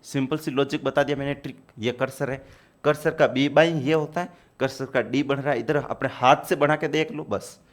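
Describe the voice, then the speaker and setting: A man's voice: medium pitch, fairly even intonation, moderate pace. A man teaching a computer exam-prep class, explaining step by step and repeating key points to his students.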